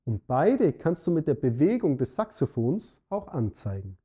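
A man with a German accent, a saxophone teacher giving a scripted lesson in a clear, measured way that speaks straight to the viewer. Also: on the high side, sing-song, mellow. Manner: clear, measured explaining addressing the viewer directly. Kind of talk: scripted instructional talk.

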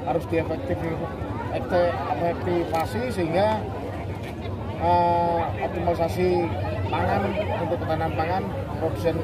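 A man, a military commander, explains an event to a reporter outdoors, in an informal, halting way with restarts. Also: a little high. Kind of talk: on-site press interview. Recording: loud crowd and noise outdoors.

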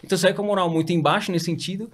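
A man rattles off his story at a rapid clip as a guest in a relaxed interview. His voice sits a little high for a man. He talks in slangy, self-mocking bursts full of fillers. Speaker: guest entrepreneur.

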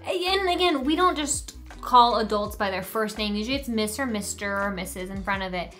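A woman's voice: mid-range voice, lively intonation, normal speed, bright, forceful tone, soft background music. A woman in her thirties chatting casually to camera as a family vlogger and mother, upbeat and talking with her hands, seated indoors at home.

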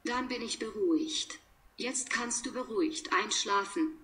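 Woman slowly reading example sentences. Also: a little high, fairly bright tone, slight background noise. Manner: measured, deliberate, pausing between sentences. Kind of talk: slow read-aloud of example sentences.

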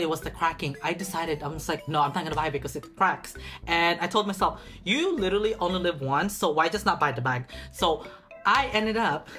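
A young vlogger unboxes a bag in a small apartment room, speaking in a pushed, bright voice on the high side. He chats casually with sass and drama, drawing words out for emphasis.

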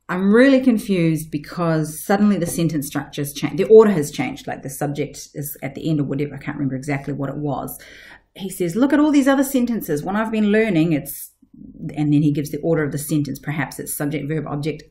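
Her voice is low, mellow, expressive and brisk. She's a forties-aged language teacher podcasting at home in the living room through a desk webcam, explaining things casually, digressing and using lots of fillers.

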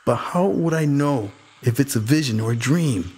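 A man's voice: mid-range voice, lively intonation, normal speed, a little mellow, slightly rough, pitched above the performer's own voice. A man voicing an anxious, troubled young boy who pleads and recounts things in a shaken way. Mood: pleading.

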